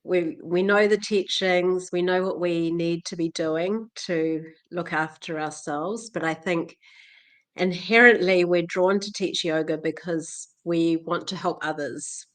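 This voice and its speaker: A woman's voice: fairly low pitch, steady tone, unhurried. A woman from New Zealand, in her thirties or forties, talking reflectively as a guest about teaching yoga, with frequent fillers. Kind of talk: casual interview talk.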